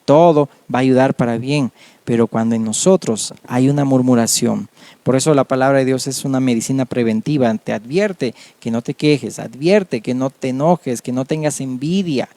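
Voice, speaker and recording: A man preaching a sermon as a pastor, earnest and measured, often adding amen. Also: mid-range voice, mellow, no echo.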